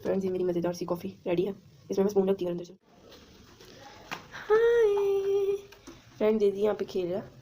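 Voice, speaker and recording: A woman's voice: mid-range voice, flat delivery, rapid-fire, noisy background. Chatty woman vlogging at home on her phone. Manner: chatty, keeps calling viewers friends, coos at the small child. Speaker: family vlogger. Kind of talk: casual home vlog. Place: home kitchen, indoors. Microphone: phone camera.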